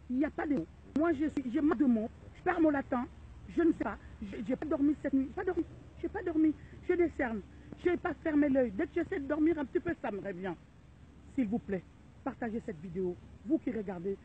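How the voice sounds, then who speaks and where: A middle-aged woman making an indignant, rallying video appeal to viewers, repeating her calls again and again. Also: high voice. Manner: indignant, repetitive, rallying cries. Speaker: vlogger addressing viewers. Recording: tinny phone-like audio with faint noise.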